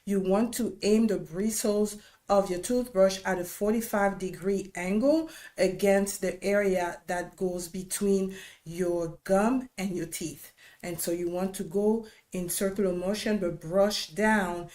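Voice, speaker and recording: A woman from the Democratic Republic of Congo, a dentist with a Congolese accent, hosts an informal educational livestream for viewers, speaking conversationally and instructively and repeating key points for emphasis. Her medium-pitched voice is steady, a little slow, and slightly mellow.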